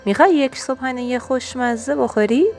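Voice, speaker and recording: A woman's voice: high voice, a little mellow, faint music behind. A woman reading a storybook, voicing a caring but firm mother talking to her child.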